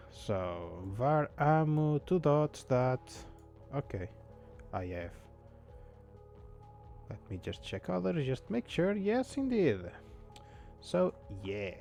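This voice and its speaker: A non-native English-speaking man codes a game on a live stream, talking casually and muttering his thoughts aloud with lots of fillers. His mid-range voice is gravelly with a darkish tone.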